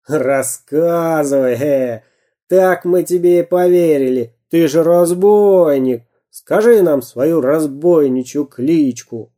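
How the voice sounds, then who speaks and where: A storyteller voicing a boastful, gruff pirate captain in a storybook reading, blustering and barking. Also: mid-range voice, takes it slowly, mellow, voice pushed up, close to an everyday voice.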